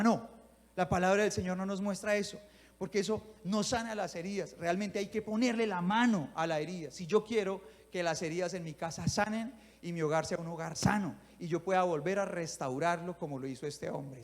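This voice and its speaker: The sound fills a big room as a high-voiced male pastor delivers his sermon. He's animated, acting out small scenes and frequently checking whether his listeners are following along.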